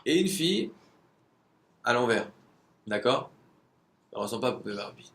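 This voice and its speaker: A man's voice: medium pitch, sing-song, normal speed, a bit bright. A man giving a conversational religious lesson, asking rhetorical questions and sometimes searching for words.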